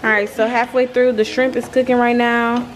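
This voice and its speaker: A young woman vlogger chatting loudly and playfully while cooking in a home kitchen, teasing her mom. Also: a little high, little pitch movement, normal speed. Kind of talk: casual cooking vlog chat. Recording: noisy kitchen with frying sizzle.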